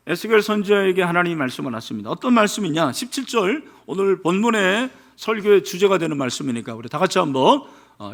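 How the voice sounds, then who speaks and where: A man's voice: sits high, fairly bright tone. A man preaching a sermon as pastor, asking the congregation questions and leading them in reading scripture aloud. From South Korea. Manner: rhetorical questions to the congregation, leads responsive reading.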